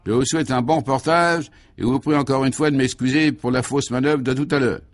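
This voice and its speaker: A man voicing a fussy, self-satisfied police prefect in a vintage radio play, speaking in a brisk, overly polite manner. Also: medium pitch, steady tone, pitched above the performer's own voice, natural voice. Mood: obliging.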